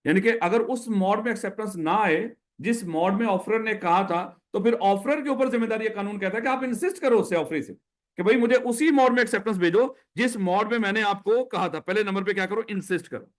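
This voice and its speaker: A man's voice: high voice, fairly quick. A man with a Pakistani Urdu accent lecturing a class on contract law, repeating rules and quizzing his students, whom he calls his children, mixing in English legal terms. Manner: repeats key points, quizzes students with questions. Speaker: accountancy lecturer.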